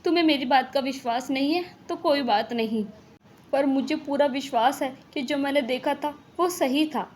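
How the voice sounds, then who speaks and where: A woman's voice: high voice, moderate pace, a little hiss or hum, lightly acted. A woman doing a panicky greedy shopkeeper man. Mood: pleading. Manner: panicky shouting, pleading. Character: greedy frightened male dhaba owner, middle-aged. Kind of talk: cartoon voice acting.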